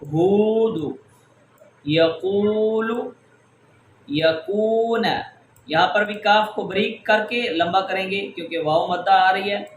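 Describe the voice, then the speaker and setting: Man, Quran teacher, high voice, patient step-by-step explaining, echoey room. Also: fairly even intonation, hardly any pauses, fairly bright tone, a little hiss or hum. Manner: patient, explaining rules step by step, drawing out example words. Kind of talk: tajweed lesson. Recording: echoey room with faint ambience.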